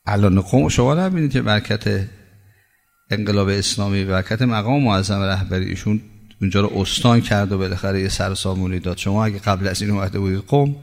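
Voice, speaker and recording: A middle-aged man preaching a sermon, telling stories with emphasis and jumping suddenly higher on key words. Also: gravelly. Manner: emphatic storytelling with sudden high rises. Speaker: cleric preacher. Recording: long hall reverb.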